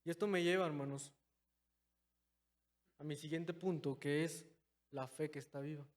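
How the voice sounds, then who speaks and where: A young man preaching a sermon in a church, calling his listeners brothers and moving between loud, stressed phrases and quiet, low asides. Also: steady tone, normal speed. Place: church hall. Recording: long hall reverb.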